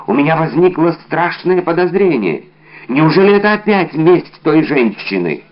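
A man's voice: fairly high pitch, very animated, normal speed, muffled recording, voice pushed up. A man doing an urgent young musketeer hero. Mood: urgent, earnest. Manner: urgent, commanding.

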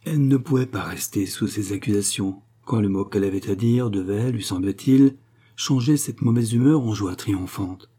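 A man narrating a classic novel in a measured, unhurried reading. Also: fairly low pitch, dark tone, breathy edge. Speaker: audiobook reader. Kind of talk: literary audiobook narration.

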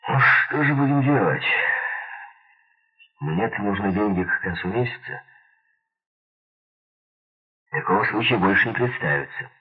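A man's voice: fairly low pitch, lively intonation, measured pace, pauses often, husky. A man voicing a greedy, menacing male gangster boss who barks threats, on a tinny lo-fi recording. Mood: pressing. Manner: threatening, barking.

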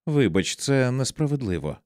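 A frightened wife, sharp-edged and close to tears, as a male reader voices her. Her lines rise a little above the reader's low voice and swing widely in pitch. The sound is dry and close. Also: sing-song, moderate pace, no echo, close to an everyday voice. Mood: pleading. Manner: sharp, tearful, pleading. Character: anxious, angry wife confronting her husband.

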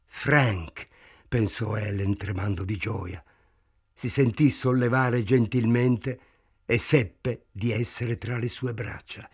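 A man reading a novel aloud in a measured, dramatic narration. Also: lowish voice, steady tone, a little mellow, breathy edge. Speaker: audiobook reader. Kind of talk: scripted literary narration.

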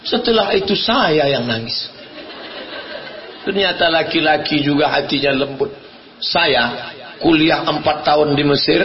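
High-pitched preacher guy, middle-aged, funny sermon, shouts for emphasis, muffled lo-fi audio. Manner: animated storytelling, acts out quoted voices, bursts into shouts. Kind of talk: humorous sermon. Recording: dull lo-fi recording.

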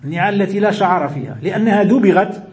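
A man's voice: high-pitched, animated, rapid-fire, a little mellow. A man giving a religious lesson, explaining hadith in classical with colloquial asides and questions to his listeners. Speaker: Islamic scholar teaching hadith.

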